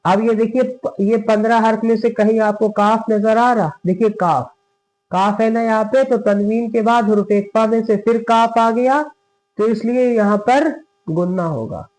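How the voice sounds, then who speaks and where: Male tajweed tutor, unhurried and repetitive, higher register. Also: steady tone, a little mellow, low-quality recording. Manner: patient, repeats points with frequent "theek hai". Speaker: Quran tajweed teacher. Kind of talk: slow spoken lesson with recitation examples.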